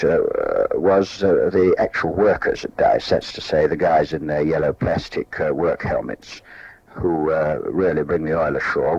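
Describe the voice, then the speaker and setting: A man with a husky voice dictating a diary entry, halting with many pauses and fillers, heard from a worn tape copy. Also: very deep voice, darkish tone, highs cut off. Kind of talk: spoken diary recording.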